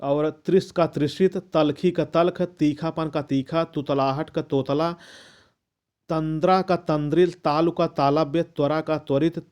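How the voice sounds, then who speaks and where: A man reading out a long list of word pairs as a lesson, measured and methodical, with the odd restart. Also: fairly high pitch, fairly even intonation, a little mellow. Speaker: teacher reading a Hindi vocabulary list. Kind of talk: slow recitation of word pairs.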